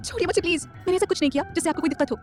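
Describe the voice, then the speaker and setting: A woman's voice: very high voice, rapid-fire, a little mellow, soft background music, pitched above the performer's own voice. A woman voicing a spirited young college student who pushes back politely but firmly. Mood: pleading. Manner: indignant yet polite.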